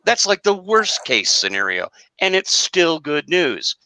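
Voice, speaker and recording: A man talking on a casual live-stream panel in an animated, emphatic way, with some self-deprecating humour. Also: on the high side, unhurried, rough recording. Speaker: panel guest.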